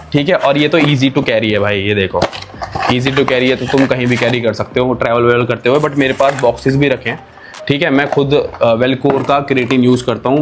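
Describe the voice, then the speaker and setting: A young nutritionist and fitness vlogger talks casually to the camera. His voice sits in an ordinary middle pitch, and his manner is chatty and reassuring, with frequent small checks for agreement. A faint hiss of background noise runs under the recording. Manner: chatty, reassuring, peppered with "theek hai" and "bhai". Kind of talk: casual direct-to-camera advice.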